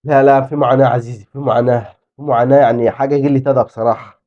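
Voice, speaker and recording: A man with an Egyptian Arabic accent, giving excitable live commentary on his own football game as a gaming YouTuber. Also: medium pitch, very fast, muffled recording. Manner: excitable, exclaiming and pleading at the game.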